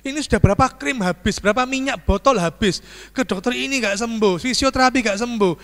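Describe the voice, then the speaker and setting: An extremely high-pitched male voice, a little fast, fills a church sanctuary with hall reverb. The pastor animatedly acts out screams and dialogue in his storytelling sermon, addressing listeners as "saudaraku".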